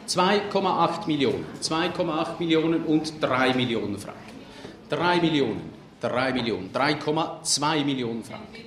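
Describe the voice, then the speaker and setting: A man's voice: fairly high pitch, animated, moderate pace, fairly bright tone. A man working as an auctioneer, calling and repeating bids formally in a live sale. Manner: formal, repetitive auctioneer's chant of figures. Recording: echoey auction room, faint background noise.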